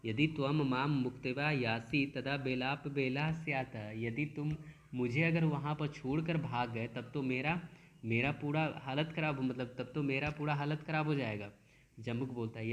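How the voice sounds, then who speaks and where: A man teaching a school lesson, reading verses slowly and then explaining them with many restarts. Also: mid-range voice, dull audio.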